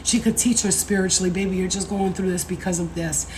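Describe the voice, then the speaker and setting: A woman in her thirties hosting a casual livestream as a spiritual coach, talking in an animated, slangy way, swearing freely and calling viewers babe and baby. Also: on the low side, quick pace, a little hiss or hum, rough recording. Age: 30s.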